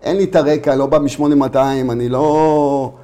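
A man's voice: mid-range voice, steady tone, mellow. A middle-aged man with an Israeli accent, speaking informally and repeating himself as he tells his story in an interview. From Israel, immigrated from Latvia at age four. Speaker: interview guest, startup founder. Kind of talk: casual conversational interview.

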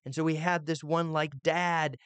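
A man's voice: fairly high pitch, flat delivery, normal speed, fairly bright tone, clean tone, no echo. A man hosting a casual family book discussion, playful and musing as he talks. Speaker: podcast host and father.

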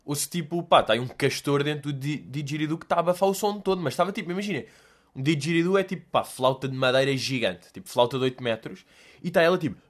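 A man's voice: a little high, fast. A young man with a Lisbon Portuguese accent, telling a rambling comic story as a podcast host, slangy and sweary, acting out bits. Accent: European Portuguese, Lisbon. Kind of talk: casual comedic monologue.

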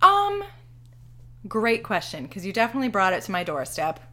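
A woman's voice: mid-range voice, wildly swooping pitch, normal speed, fairly bright tone. Brief: young woman podcast co-host, chatty, laughs easily, meanders through stories. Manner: giggly, rambling, self-deprecating. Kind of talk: casual podcast chat.

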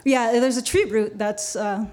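A woman doing her low-key, evasive dad. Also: steady tone, measured pace, a little mellow, lightly acted.

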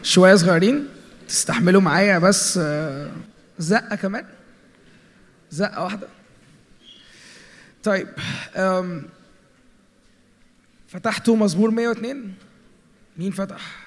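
A man's voice: high-pitched, normal speed, pauses often. A young man with an Egyptian Arabic accent preaching a sermon, playfully teasing the congregation and mixing in English words. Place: large church hall. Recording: hall with long reverb and faint music.

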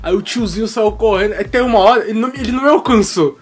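A man in casual chat, telling childhood school stories with animated energy and frequent laughter. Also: high voice, fast talker, breathy edge, soft background music.

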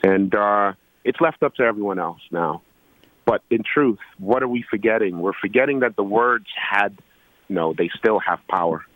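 A man from Guyana, an electrical engineer, calling in to a talk show and making his point earnestly, with many pauses and fillers. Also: on the low side, no echo, narrow, tinny audio. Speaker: caller. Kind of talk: call-in radio talk.

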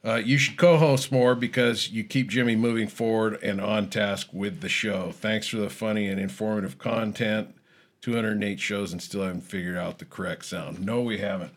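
A man filling in as host of a casual comedic chat show, talking in a dry, deadpan monotone. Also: fairly low pitch, normal speed. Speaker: fill-in host.

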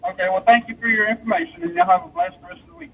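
A man's voice: very high-pitched, sing-song, rapid-fire, creaky, far from the mic. A man with a Southern US accent calling in on his car speakerphone while driving. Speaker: caller. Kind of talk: call-in question. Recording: tinny phone line from a car.

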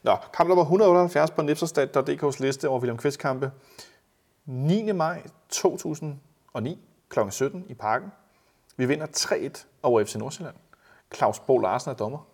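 A man co-hosting a casual football podcast, telling lively anecdotes and imitating the people in them. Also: medium pitch. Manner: animated storyteller, mimics others in anecdotes. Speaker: podcast co-host.

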